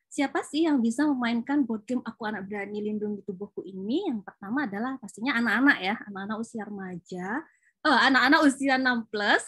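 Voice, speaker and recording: A woman, presenting a board game she co-created in a chatty, explanatory way, with frequent fillers. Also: fairly high pitch. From Java, Indonesia. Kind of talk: informal presentation.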